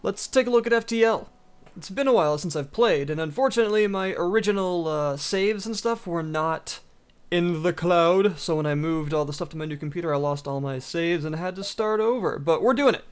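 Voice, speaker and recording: A man with a slightly high voice hosts a gaming video and talks over his play in a loose, casual way. He sounds keen and rambles with plenty of fillers as he goes. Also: fairly quick, smooth. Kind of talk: casual let's-play commentary.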